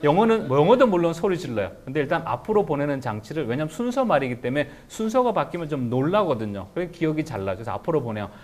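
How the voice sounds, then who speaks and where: A man with a slightly higher voice gives a spirited talk to a room of teachers. His pitch swings widely as he explains. He drops to a slow, careful pace whenever he models an example sentence. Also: a little hiss or hum. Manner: animated, shouts example phrases, slows down for English sentences. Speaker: English teaching lecturer. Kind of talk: lecture to teachers.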